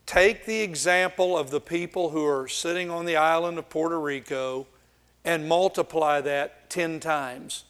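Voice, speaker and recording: A man preaching a Bible study sermon, reading scripture aloud with emphasis and pausing often. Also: fairly high pitch, fairly even intonation, fairly bright tone, clean tone. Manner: slow and deliberate, with frequent filler pauses.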